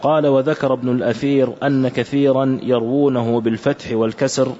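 A man reading aloud a classical religious commentary for a teacher, in a measured, careful recitation. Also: medium pitch, little pitch movement, mellow, a little hiss or hum. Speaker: student reading the text aloud. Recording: dull lo-fi recording.

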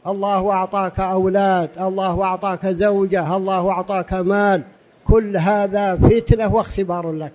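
A man giving a religious lesson in formal standard Arabic as a teacher, in a deliberate, didactic manner with repetition and rhetorical questions. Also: sits high, warm tone. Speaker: religious teacher addressing a study gathering.

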